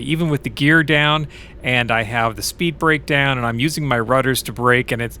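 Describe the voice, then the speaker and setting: A man who is a private pilot, narrating his flight vlog in a relaxed, explanatory way. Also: medium pitch, slight background noise. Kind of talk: casual vlog voice-over narration.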